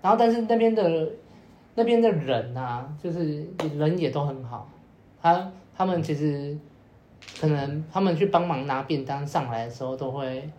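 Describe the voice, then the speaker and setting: A man's voice: a little high, normal speed, mellow, lo-fi sound. Rambling young man, roomy sound. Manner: rambling, many repeated fillers, acts out quoted lines. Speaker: podcast co-host telling a story. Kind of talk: casual storytelling chat. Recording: roomy echo with faint noise.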